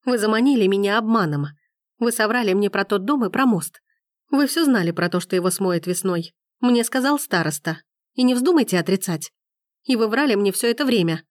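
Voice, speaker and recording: A woman's voice: mid-range voice, expressive, brisk, dry recording, studio quality, close to an everyday voice. A woman reading an audiobook, voicing an enraged young woman who hurls angry accusations. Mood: furious. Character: furious young woman in period romance.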